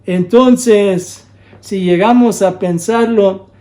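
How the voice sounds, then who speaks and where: Slow, high-voiced male preacher. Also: dark tone. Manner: repeats rhetorical questions, earnest and urging. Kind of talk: sermon.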